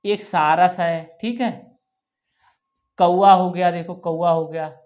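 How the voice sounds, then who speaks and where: A woman teacher giving a workbook lesson to young children, saying each word slowly and then repeating it for the class to echo. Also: lowish voice, fairly even intonation, a little mellow. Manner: talks children through writing tasks, often ending with "ठीक है". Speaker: primary school teacher.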